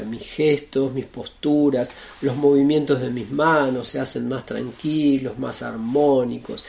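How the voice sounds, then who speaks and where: A man's voice: medium pitch, vocal fry, a little mellow. A man giving an earnest spiritual lesson, listing points one by one and often checking in with his listeners. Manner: earnest and repetitive, listing points, often asks ¿está bien?. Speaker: spiritual teacher. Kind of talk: explanatory spiritual talk.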